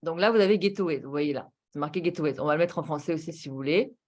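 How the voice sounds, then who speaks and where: A woman's voice: sits low, fast talker. A woman giving a casual, persuasive sales presentation of a travel booking platform, enthusiastic and full of rhetorical questions and fillers. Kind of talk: casual sales presentation over screen share.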